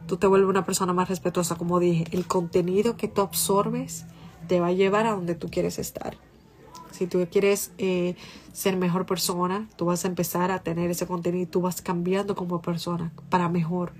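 A woman's voice: fairly low pitch, little pitch movement, normal speed, a little mellow. A woman hosting a casual livestream, speaking passionately and emphatically while addressing her viewers directly and answering their comments. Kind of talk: casual live chat.

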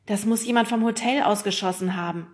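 A woman reading an audiobook, voicing a thoughtful young girl who speaks softly and earnestly. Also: mid-range voice, brisk, close to an everyday voice.

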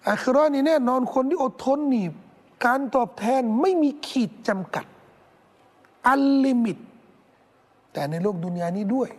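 A man's voice: high voice, slightly rough. A man giving an Islamic sermon in an emphatic manner, repeating key words and speaking to the listeners as brothers and sisters. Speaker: Islamic preacher.

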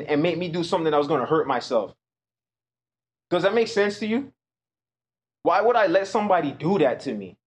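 A man giving a keynote talk to high school students, telling a personal story with emphatic delivery. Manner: storytelling, emphatic, acts out quoted voices. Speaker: motivational speaker.

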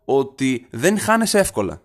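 A man's voice: medium pitch, very animated. A young man from northern Greece talks casually on a podcast in a mid-range voice. He is chatty and teasing, and often breaks off and restarts his sentences. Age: young adult. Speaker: podcast co-host.

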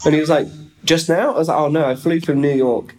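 A man's voice: a little high, fast talker, low-quality recording. A young man with an English accent, chatting casually and acting out the people in his travel anecdotes. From England. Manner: chatty, animated, acts out voices in anecdotes. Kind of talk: casual chat, storytelling. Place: stairwell.

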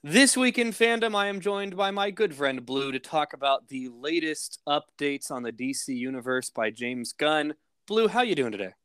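A man hosts a casual fan podcast in an upbeat way, laughing easily along with his guest. His voice sits a little high, and the recording is dry and close. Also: animated, normal speed, hardly any pauses, fairly bright tone, smooth, no echo. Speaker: podcast host.

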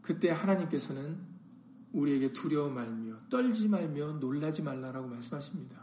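A man's voice: a little high, lively intonation, fairly quick, warm tone, echoey room, slight background noise. A man pastor preaching a sermon, full of rhetorical questions and acted-out quotes.

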